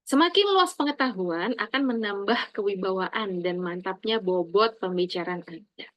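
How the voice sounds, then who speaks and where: A middle-aged woman lecturing her students, speaking in an animated, emphatic way and addressing them fondly as her children. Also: normal speed, no echo, lo-fi sound. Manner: animated, addresses listeners as "Nak", emphatic swings in pitch and loudness.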